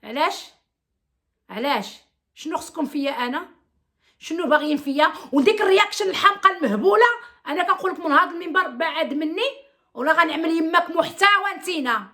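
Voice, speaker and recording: Moroccan lady youtuber going off at her haters, talks fast and sharp, keeps asking "huh?". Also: very high voice, expressive. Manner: indignant, fires repeated rhetorical questions. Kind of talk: angry vlog rant to viewers.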